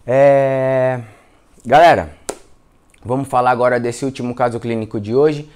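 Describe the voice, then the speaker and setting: Animated Brazilian physiotherapist telling cases. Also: male voice, mid-range voice, a little slow, smooth. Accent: Brazilian Portuguese. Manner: animated storyteller, acts out dialogue, repeats words. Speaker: physiotherapist teaching a live class. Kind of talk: casual spoken lesson with case stories.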